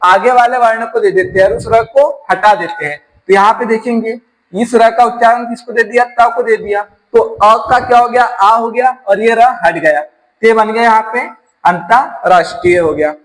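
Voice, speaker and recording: A man's voice: high-pitched, moderate pace, poor audio. A man from teaching an exam-prep grammar lesson, explaining step by step and asking his class rhetorical questions.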